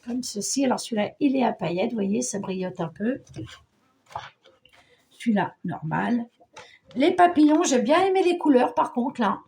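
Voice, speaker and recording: A woman's voice: on the high side, expressive, moderate pace, gravelly, long pauses, darkish tone. Chatty middle-aged woman from Paris. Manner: chatty, hesitant, many fillers and restarts. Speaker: scrapbooking vlogger. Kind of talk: casual show-and-tell chat.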